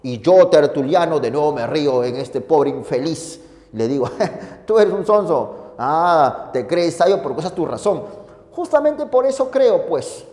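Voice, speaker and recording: A man's voice: on the high side, sing-song, normal speed, a little mellow. Man playing a scornful old Tertullian. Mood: mocking. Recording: echoey hall reverb.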